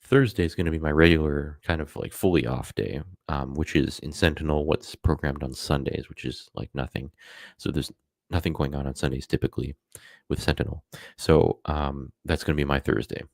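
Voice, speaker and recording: A man's voice: a bass voice, fairly even intonation, moderate pace, creaky, dry recording, clean studio sound. A man talking casually on a live stream, rambling with many fillers and self-corrections.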